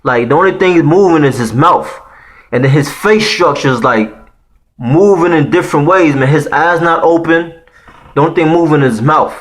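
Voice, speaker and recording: Telling his viewers a personal story, a man in his thirties from Haiti talks at a normal speed in a voice that's a little high. His Haitian accent comes through, and his speech is loose, profane and slangy, peppered with "man" and "you know what I'm saying."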